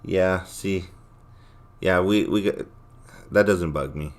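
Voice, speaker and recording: A man hosts a casual livestream, signing off and reading chat comments aloud in a rambling, blunt, profane way. His voice sits low and he takes it slowly, sounding a little worn, as if he's losing it.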